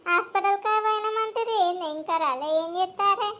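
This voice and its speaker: A woman's voice: extremely high pitch, bright, forceful tone, slight background noise. A woman with a Telangana accent playing a sly, meddling young married daughter in a village skit. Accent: Telangana Telugu. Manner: quick, teasing and meddling. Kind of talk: village comedy skit acting.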